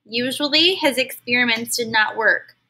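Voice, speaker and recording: Here a woman's voice, fairly high, bright and clear, carries a children's storybook read aloud with plenty of expression. Whenever a tricky word comes up, she breaks off to explain it to young listeners in plain, simple language, much as a teacher would.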